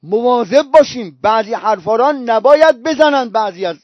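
A man's voice: very high voice, animated, dry recording. A male preacher delivering a sermon, telling stories with emphatic repetition. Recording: dull, dry recording.

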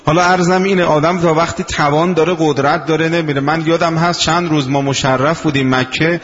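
Older preacher in an echoing hall. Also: male voice, fairly high pitch, fairly even intonation, a bit bright. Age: 60s. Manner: unhurried storytelling, slows for quoted sayings. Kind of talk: sermon. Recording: dull lo-fi recording in a reverberant hall.

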